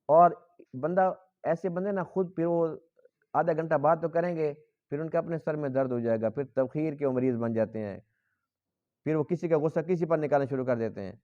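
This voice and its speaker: A man with a Pakistani Urdu accent giving a Quran lesson in a mosque, earnestly explaining and asking rhetorical questions. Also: on the high side. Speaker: Quran teacher. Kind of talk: sermon. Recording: dull lo-fi recording.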